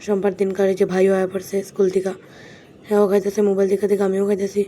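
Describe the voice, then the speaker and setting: Young woman vlogger, quick, flat-toned chatter, phone mic at home. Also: mid-range voice. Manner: chatty, often speaks softly. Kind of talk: casual home vlog. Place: at home, indoors.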